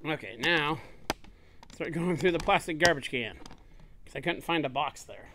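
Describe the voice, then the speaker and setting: A man in a workshop casually showing tools he bought, speaking plainly and trailing off quietly at the ends of thoughts. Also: fairly high pitch, animated, normal speed, a little hiss or hum. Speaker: shop owner showing a tool haul. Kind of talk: casual show-and-tell narration. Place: workshop bench.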